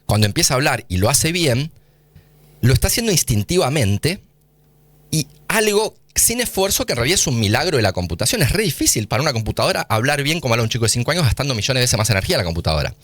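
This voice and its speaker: In a radio studio interview, a guest scientist speaks fast with an Argentine Spanish accent, explaining things in casual slang. He's very animated, his pitch swinging up and down a lot, and his voice is a bit bright. The recording is dry and close, without any room echo.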